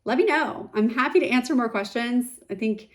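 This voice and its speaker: A woman's voice: fairly high pitch, expressive, moderate pace. Chatty woman vlogger, reflective and open. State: sick, congested voice. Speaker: vlogger, startup founder. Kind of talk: casual to-camera vlog.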